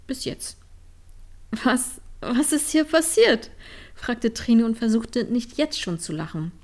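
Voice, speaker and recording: A woman narrating a storybook tale gently, often softening to a whisper. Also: mid-range voice.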